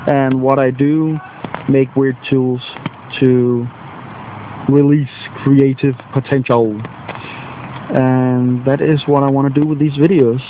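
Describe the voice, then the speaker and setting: Out in nature on a wet bench, a Danish teacher and video blogger with a slight cold takes it slowly in a flat, mid-range voice marked by a Danish accent. He rambles casually, running himself down and fishing for English words. Phone-quality sound carries a little hiss or hum.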